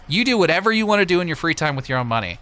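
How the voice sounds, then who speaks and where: A livestream host from Missouri, United States, speaks in a fairly high, sing-song voice that's rapid-fire, pushed, and bright. He chats casually and opinionatedly with viewers, answering them on a close desktop USB microphone.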